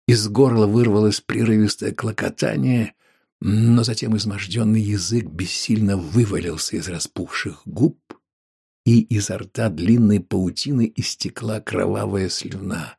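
A man narrating an audiobook in a measured, grave way. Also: on the low side, fairly even intonation, creaky, warm tone, breathy edge.

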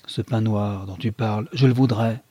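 A man's voice: fairly even intonation, moderate pace, dark tone, breathy edge, no room sound. A man voicing an unhappy young wife who pleads earnestly with her husband in a read novel. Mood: pleading. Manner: earnest, rising in pitch when pressed.

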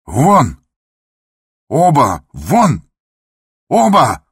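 A man voicing an overwrought country doctor who shouts in a cracking, trembling voice. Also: fairly high pitch, wildly swooping pitch, very slow, husky, no echo, studio quality, voice pushed up, exaggerated voice. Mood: furious. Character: overwrought middle-aged male country doctor.

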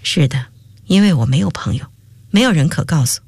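A woman's voice: sits low, lively intonation, brisk, a little mellow, husky, no room sound, full character voice. A woman reading a bitter lonely student. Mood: wry. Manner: sour, wry.

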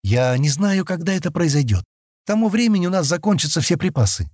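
A man reading an audiobook, voicing a calm, insistent alien woman who presses with questions. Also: on the high side, fast, no room sound, studio quality, voice pushed up. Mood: teasing. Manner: persistent, probing questions. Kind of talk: audiobook character voice.

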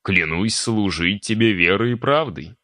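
A man's voice: on the low side, sharp tone, no room sound, studio quality. A man voicing a deferential, solemn portal mage who serves a new lord. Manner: humble, solemn, slow.

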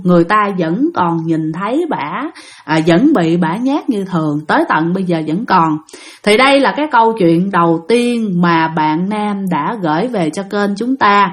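A woman with a Southern Vietnamese accent, chatting to her listeners as she retells ghost stories sent in by them. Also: mid-range voice. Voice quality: lively, dramatic retelling with chatty asides to listeners. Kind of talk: casual spoken storytelling.

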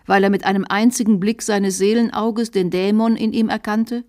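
A woman reading aloud voices a stern, zealous male priest with a sawing voice, warning gravely and insistently. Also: mid-range voice, fairly even intonation, moderate pace, mellow, lightly acted.

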